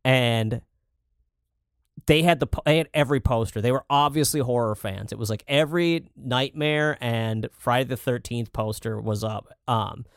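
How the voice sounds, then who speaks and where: Relaxed, casual male podcast co-host. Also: mid-range voice, clean tone, dry recording, studio quality. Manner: relaxed, swears casually, quick to laugh along. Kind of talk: casual chat.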